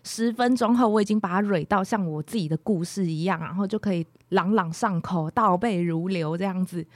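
A woman, a podcast guest telling candid stories in a frank, blunt, animated way. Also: fairly low pitch, brisk, no room sound. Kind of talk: candid storytelling in conversation.

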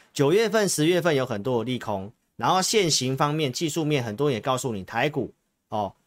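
A man's voice: mid-range voice, no room sound. A man with a Taiwanese Mandarin accent presents stock market analysis as an advisory host. He speaks straight to his viewers, stressing and repeating key points. The sound is dry, with very little room in it. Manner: emphatic, repetitive, addresses viewers directly. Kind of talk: stock market commentary to camera.

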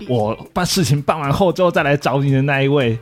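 A man's voice: mid-range voice, animated, fast. Man with a Taiwanese accent, casually explaining. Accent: Taiwanese Mandarin. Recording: background music behind the voice.

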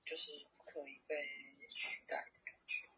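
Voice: moderate pace, pushed and bright. A podcast co-host talking casually over a phone call, thoughtfully offering personal interpretations in a conversational way. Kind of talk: casual conversational discussion of a comic.

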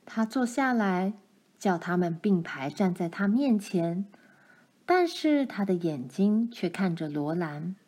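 A woman reading a children's storybook chapter aloud, gentle and expressive. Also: mid-range voice, takes it slowly.

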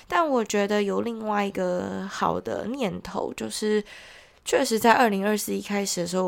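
In a casual solo audio diary, a Taiwanese-accented woman who works as a podcast host and entrepreneur speaks through a heavy cold that makes her sound nasal and congested. Her voice is lowish and has vocal fry.

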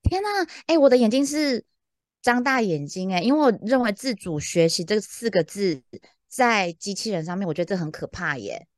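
A woman with a Taiwanese accent co-hosting a podcast in casual chat, expressive and often exclaiming in amazement. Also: mid-range voice, normal speed, no echo, studio quality. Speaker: podcast co-host.

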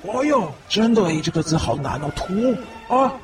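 A man's voice: high-pitched, sing-song, normal speed, music in the background. A man with a Taiwanese Mandarin accent voicing a playful, bossy animal character who calls out orders. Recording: distant voice with clear noise.

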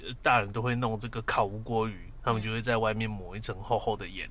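A man's voice: lowish voice, fairly even intonation, fast talker, fairly bright tone, a little hiss or hum. A man with a Taiwanese Mandarin accent chatting casually as a laid-back podcast co-host. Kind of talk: casual chat.

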